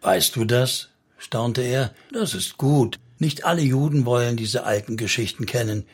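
Wise old prophet read by a man, measured grave speech, husky voice, audiobook story. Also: medium pitch, lively intonation. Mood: wondering. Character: old bushy-browed male prophet, thoughtful and tender.

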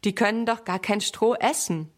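A woman's voice: mid-range voice, moderate pace, lightly acted. A woman voicing a shy young schoolgirl in a children's story.

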